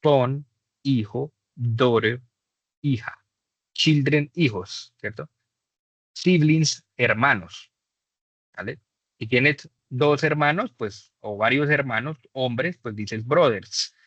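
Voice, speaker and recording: A man teaching a beginner English class, explaining patiently and slowing down to model English examples. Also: medium pitch, fairly bright tone, no room sound. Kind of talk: online class lesson. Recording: dull dry lo-fi mic.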